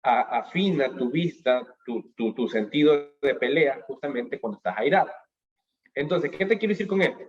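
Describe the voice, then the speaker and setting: A man giving a motivational lecture on emotions at a business school, animated, asking questions and answering them himself, heard through a webcam on a video call. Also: medium pitch, normal speed, muffled recording. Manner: animated, asks and answers his own questions. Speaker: speaker at a business school talk.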